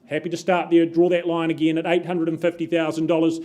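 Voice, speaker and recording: A man's voice: on the high side, monotone, fast, darkish tone, a little hiss or hum. A man presenting as a real estate auctioneer, in polished, emphatic sales patter.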